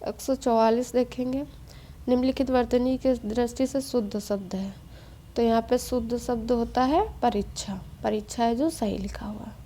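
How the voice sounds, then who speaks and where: Woman teacher, exam-prep spelling lesson, steady and explanatory, higher pitch, soft warm tone. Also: moderate pace, a little hiss or hum. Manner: steady explaining tone, mixes English quiz terms. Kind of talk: spelling quiz walkthrough lesson.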